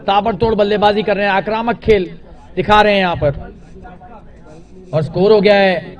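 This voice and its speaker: High-pitched male cricket commentator, live match. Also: distant mic.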